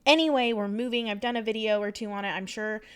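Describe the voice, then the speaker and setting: A woman's voice: medium pitch, quick pace, fairly bright tone, clear, resonant tone. Young woman rambling chattily, stuffy nose, laughs a lot. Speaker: Sims builder vlogger. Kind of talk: casual voice-over chat.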